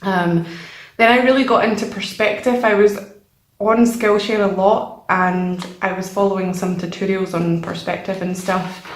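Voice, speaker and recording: A woman's voice: mid-range voice, fairly even intonation, moderate pace. A young woman chatting casually and a little hesitantly as she hosts a vlog, informal and self-deprecating, recorded in a bare, echoey room. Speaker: channel host showing a sketchbook. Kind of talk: casual chat, vlog voice-over. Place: nearly empty room indoors with only a desk.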